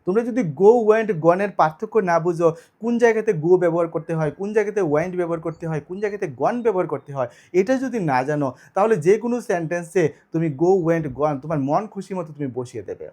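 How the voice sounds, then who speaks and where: A man's voice: sits high, lively intonation, fast talker, darkish tone. A man teaching English grammar in an online video lesson, explaining step by step and asking and answering his own questions.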